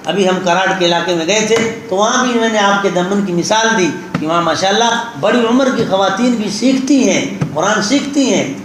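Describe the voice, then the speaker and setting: A man's voice: high voice, hardly any pauses. A man preaching a sermon, telling a story and speaking straight to his listeners. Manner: tells a story and addresses listeners directly. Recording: very echoey hall with background noise.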